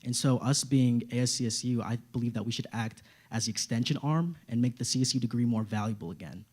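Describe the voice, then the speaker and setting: A man's voice: medium pitch, fast talker, darkish tone. A young man, a student candidate, giving an earnest, persuasive debate answer on a stage and telling a personal story. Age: young adult. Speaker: student vice-presidential candidate.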